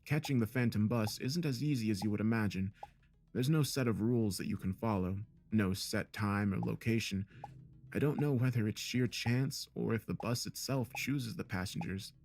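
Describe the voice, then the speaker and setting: Low-voiced man narrating a horror story. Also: moderate pace, a little mellow, faint music behind. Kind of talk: scripted narration.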